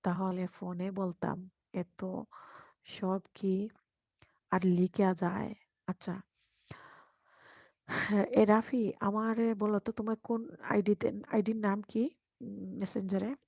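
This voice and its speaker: A woman chats softly through her live stream, often dropping to a near-whisper. Her voice is husky and mellow, with a gravelly edge. The microphone sits close in a dry space. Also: mid-range voice, no room sound. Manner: speaks very softly, at times whispering. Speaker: live-stream host reading viewer comments. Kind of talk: casual live-stream chat.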